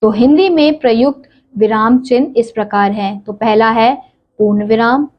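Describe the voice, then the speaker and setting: A woman's voice: a little high, moderate pace, dull audio. A woman teacher giving a classroom lesson, patiently explaining step by step and asking questions she then answers herself.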